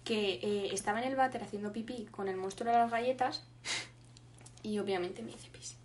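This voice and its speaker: A young woman co-hosting a podcast, telling stories in an animated way and laughing often. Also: mid-range voice, moderate pace, slight background noise. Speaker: podcast co-host. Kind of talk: casual chat.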